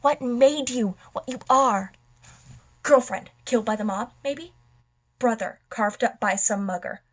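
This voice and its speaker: A woman's voice: medium pitch, close to an everyday voice, poor audio. Woman performing the Joker, a theatrical mad villain. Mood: scornful, agitated. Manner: theatrical, with drawn-out words and sudden hushed drops. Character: mad, theatrical, bitterly mocking villain delivering a monologue. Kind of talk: dramatic theatrical monologue.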